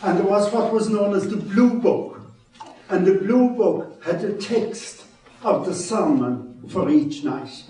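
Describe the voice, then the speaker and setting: A man's voice: sits high, takes it slowly, warm tone. Echoey West of Ireland man in his seventies. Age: 70s. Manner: wry, self-deprecating, chuckling storyteller. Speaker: retired mission priest, guest speaker. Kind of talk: informal public talk with anecdotes. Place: large echoey room before an audience. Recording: echoey hall, distant microphone.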